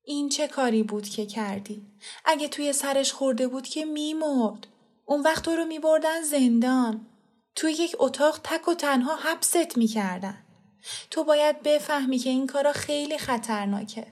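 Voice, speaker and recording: A woman voicing a sharp-tongued defensive mother. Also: high-pitched, animated, voice pushed up. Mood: sad. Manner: heated, quick to defend.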